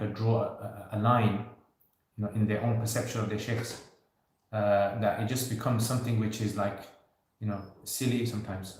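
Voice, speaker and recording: A man's voice: medium pitch, a little mellow. A man in his thirties hosting a casual livestream Q&A, talking loosely and joking with viewers. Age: 30s. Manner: conversational, loose, with frequent "you know" and light joking. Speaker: livestream host answering viewer questions. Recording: very echoey room.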